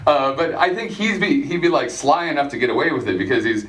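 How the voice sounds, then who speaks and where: A man's voice: fairly high pitch, animated, fast, fairly bright tone. A man doing a loose stand-up set, rambling and laughing at his own jokes. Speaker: stand-up comedian. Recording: echoey bar room from far off with crowd.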